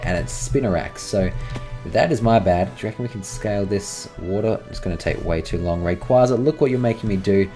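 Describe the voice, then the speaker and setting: A man's voice: on the low side, darkish tone. A man, rambling chattily through let's-play game commentary and talking to his in-game creatures. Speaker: gaming channel host.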